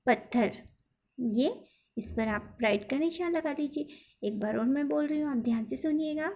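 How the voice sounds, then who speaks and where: A woman teacher giving a recorded lesson to young pupils, repeating questions and reciting a poem slowly. She keeps checking with "ठीक है?". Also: high voice, a little mellow. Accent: Hindi. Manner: slow, repetitive, sing-song recitation with frequent "ठीक है?" checks.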